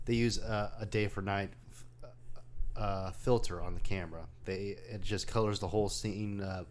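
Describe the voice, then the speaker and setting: A man co-hosting a casual film podcast, talking in a relaxed, halting way with many fillers. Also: lowish voice, slight background noise. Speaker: podcast co-host.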